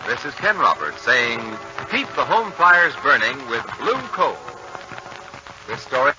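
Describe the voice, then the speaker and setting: A man's voice: medium pitch, sing-song, a little slow. A man announcing in a formal, declamatory 1940s radio style. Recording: muffled 1940s radio broadcast, music behind.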